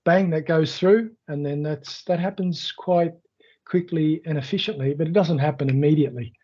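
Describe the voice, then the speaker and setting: Croaky guy answering webinar questions, mellow dark tone, muffled call audio. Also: on the high side, moderate pace. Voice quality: croaky, keeps clearing throat. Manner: conversational, loose, many fillers. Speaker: webinar presenter on online selling. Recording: dull lo-fi video call audio.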